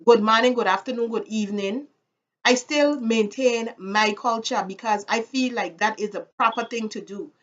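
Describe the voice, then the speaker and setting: A slightly high voice at a moderate pace comes through lo-fi sound from a woman with a Caribbean accent, a Virgin Islander. Casual and personal, she talks to camera with strong opinions and plenty of emphasis, often repeating phrases.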